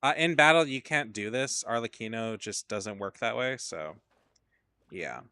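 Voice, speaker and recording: A man's voice: mid-range voice, a little slow, bright, forceful tone, clear, resonant tone, dry recording. A man casually commentating his gameplay on a stream, rambling and swearing, getting tired as he plays. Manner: rambling, profane, drowsy asides. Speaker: game streamer.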